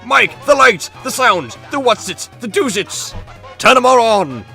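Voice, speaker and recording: A man voicing a manic, showy game show host in the manner of a booming prize announcer. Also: sing-song, a little slow, sharp tone, faint music behind, heavily acted. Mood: excited, commanding.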